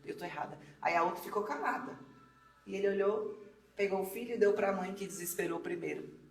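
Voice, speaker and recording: Female devotional teacher, lively storyteller, echoey room, distant mic. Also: mid-range voice, a little fast, gravelly. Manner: storytelling, acts out quoted voices. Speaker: Bible study teacher. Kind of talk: casual devotional Bible teaching.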